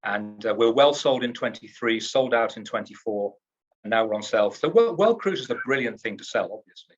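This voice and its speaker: The audio is dull as a man from the UK, an executive at a cruise line, enthusiastically pitches his company in a trade interview, restarting his words often. His voice is lowish, expressive, and fairly quick.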